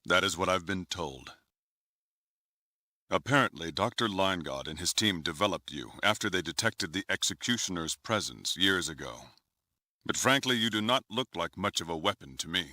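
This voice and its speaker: A stern military commodore with a very low, forceful voice. He speaks formally and gravely, in measured phrases fit for a sci-fi game. The sound is close and dry. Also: animated, no echo, full character voice. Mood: grave, skeptical. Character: stern, grave male starship commodore, middle-aged or older. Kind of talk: dramatic video game voice acting.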